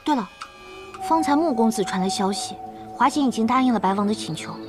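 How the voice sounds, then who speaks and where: An actress playing a calm, soft-spoken noblewoman who relays news in a level voice. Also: on the high side, fairly quick, over music, natural voice. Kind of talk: period drama acting.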